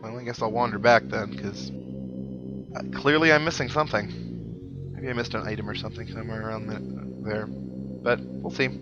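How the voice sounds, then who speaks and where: Musing aloud with long pauses, a playthrough-series host offers casual, wry, rambling let's play commentary in an expressive, gravelly voice on the low side, at normal speed. Loud video game music plays over his dull lo-fi mic.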